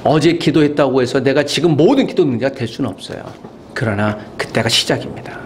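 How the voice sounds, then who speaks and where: A man's voice: medium pitch, animated, quick pace, slight background noise. A man preaching a sermon as a pastor in a university chapel, delivering it with rhetorical questions and sudden leaps in emphasis.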